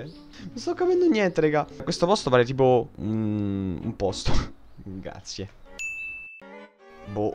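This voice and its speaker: Excitable young Roman gamer. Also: male voice, fairly high pitch. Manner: excitable, shrieks in panic, swears and laughs a lot. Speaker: gaming youtuber. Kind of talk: let's play commentary.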